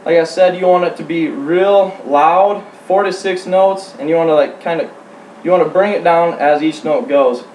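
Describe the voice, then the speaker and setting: A man giving an informal how-to demonstration as a hunting instructor, speaking in a halting, plain-spoken way. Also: a little high, darkish tone. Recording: roomy, distant mic, faint hum.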